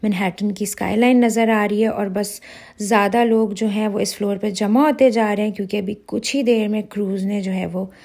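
A woman's voice: medium pitch, moderate pace, gravelly. A woman in her thirties chatting to viewers in a casual travel vlog, recorded outdoors on a cruise ship deck with a handheld phone. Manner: chatty, excited, talks to viewers directly. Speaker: vlogger.

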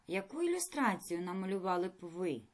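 A woman teacher leading a recorded reading lesson for fourth graders, addressing pupils directly with questions and praise. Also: lowish voice. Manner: slow, clear classroom explaining with lively intonation. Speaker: primary school teacher.

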